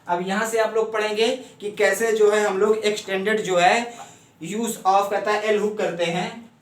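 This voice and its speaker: A man teaching shorthand step by step, explaining at a board in speech and often asking if it is clear. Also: high voice, moderate pace. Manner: steady, repeats "ठीक है ना" often. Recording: echoey room, mic far off, faint hum.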